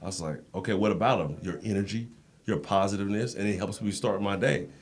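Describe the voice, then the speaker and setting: A Marine and endurance coach from the United States talks at a quick pace in a lowish voice during a casual podcast interview. He tells anecdotes animatedly, performing the dialogue within them.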